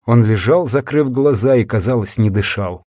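Guy reading an audiobook, steady mid voice, dry close mic. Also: mid-range voice, moderate pace, dry recording. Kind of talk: audiobook narration.

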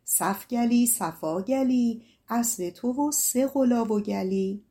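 A woman voicing a demon girl posing as a sister, chanting a slow, sly rhyme. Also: a little high, dark tone, natural voice.

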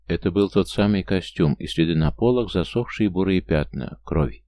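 A man reading an audiobook as narrator in a steady, measured storytelling voice. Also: deep voice, no room sound. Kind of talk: scripted narration.

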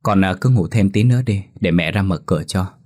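A man's voice: sits low, a little fast, a little mellow. A man doing a fretful village mother. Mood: worried. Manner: scolding, fretful. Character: anxious, sharp-tongued village mother. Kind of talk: horror story reading.

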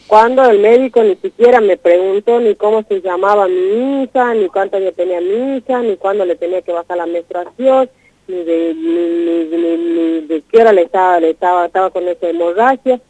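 A woman pours out a distressing account, circling back and repeating words in her urgency. Her mid-pitched voice sits close and dry with no room around it. The sound is dull and lo-fi, like a radio broadcast. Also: normal speed, dark tone, no room sound. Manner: urgent, repetitive, retelling in a rush. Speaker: guest telling her story. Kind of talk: emotional first-person account.

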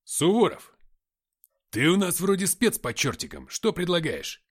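A man voicing a gruff male squad commander who barks orders. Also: high-pitched, huge pitch swings, measured pace, voice pushed up, heavily acted. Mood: commanding.

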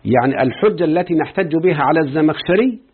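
A man's voice: on the high side, expressive, fast. A man with an Egyptian Arabic accent giving a classroom grammar lesson, explaining step by step and checking often that students follow. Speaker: grammar teacher. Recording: tinny phone-like husky recording.

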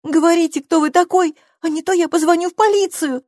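A woman voicing a brave, curious young girl who speaks in a high, insistent, stubborn way. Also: moderate pace, a little mellow, dry recording, studio quality, natural voice.

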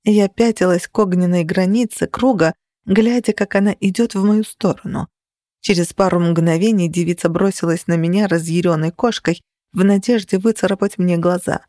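Dry, expressive woman narrating an audiobook. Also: on the low side, normal speed, dry recording. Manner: expressive, dryly ironic. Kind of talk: first-person fantasy audiobook narration.

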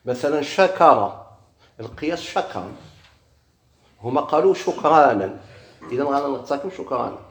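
Speaking with a Moroccan Arabic accent, a man teaches grammar by posing questions, answering them himself, and repeating key words. His somewhat high voice is expressive at a normal pace with frequent pauses, recorded in an echoey room with faint noise.

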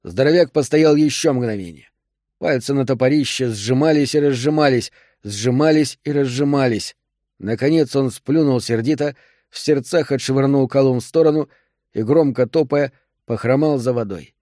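Male audiobook narrator, measured delivery, average pitch, dry recording. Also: dry recording. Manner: measured, steady storytelling. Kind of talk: scripted narration.

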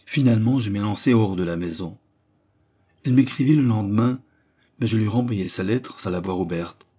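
A man narrating a literary short story as an audiobook reader, in a measured storytelling delivery. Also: lowish voice, warm tone, slightly rough.

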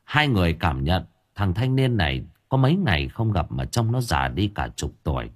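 A man narrates an audiobook story in a deep, low voice with a husky edge. His delivery rises and falls expressively, carrying the tale with lively intonation. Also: moderate pace.

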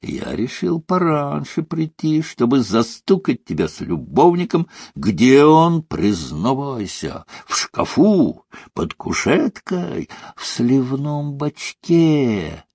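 A man's voice: medium pitch, very animated, takes it slowly, creaky, darkish tone, slightly rough, no echo, clean studio sound, pitched above the performer's own voice, exaggerated voice. A man voicing a cocky, joking young man with playful, mocking banter in a story reading. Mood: teasing.

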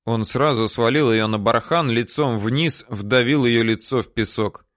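A man's voice: mid-range voice, a little slow, fairly bright tone, dry recording, clean studio sound. A man narrating a story as an audiobook reader, telling it expressively. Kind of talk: scripted narration.

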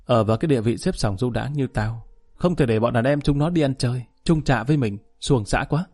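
A man voicing a proud, stubborn male gang boss who talks quickly and dismissively. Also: medium pitch, darkish tone, lightly acted. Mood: defiant.

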